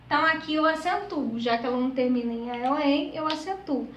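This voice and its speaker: Speaking at a quick pace in a high voice with a fairly bright tone, a teacher from Brazil walks her class through a grammar lesson. She keeps peppering it with tag questions to check in. The audio has its highs cut off, and she's a bit distant from the mic in an echoey room.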